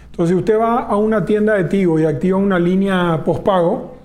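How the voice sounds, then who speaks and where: A man's voice: high-pitched, steady tone, brisk, darkish tone. A man, a telecom executive in a business interview, laying out his points one by one. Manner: explains point by point, enumerating pillars.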